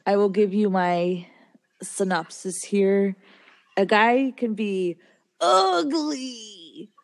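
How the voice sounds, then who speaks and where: A woman co-hosting a casual chat, laid-back and quick to laugh. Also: medium pitch, fairly even intonation, darkish tone. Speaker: podcast co-host.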